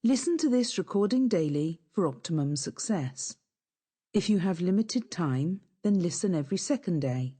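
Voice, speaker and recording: A woman narrating a scripted guided hypnosis session in a calm, soothing, instructive way. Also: fairly low pitch, moderate pace, husky.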